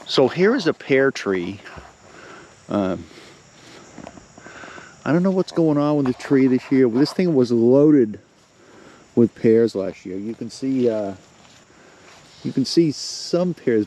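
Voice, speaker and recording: Casting note: middle-aged New man, mellow dark voice, slightly winded, chatty vlogger, faint crickets outside. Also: mid-range voice, expressive, measured pace, long pauses. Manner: rambling, filler-heavy, plain-spoken. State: slightly out of breath. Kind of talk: casual walking vlog. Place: outdoors in a rural yard. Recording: faint outdoor noise with crickets.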